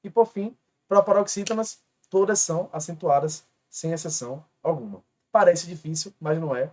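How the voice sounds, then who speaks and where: A man's voice: fairly high pitch, darkish tone. Man patiently teaching Portuguese accent rules. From Brazil. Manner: explains step by step, repeating example words slowly; writes on a board while talking. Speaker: exam prep teacher. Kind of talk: recorded grammar lesson.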